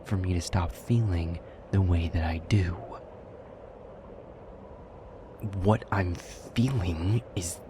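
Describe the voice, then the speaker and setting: In an intimate audio roleplay, a man voices a brooding, wounded demon lover, speaking low, hushed, and breathy at a measured pace. His deep voice carries a bitter, sarcastic mood against a noisy background.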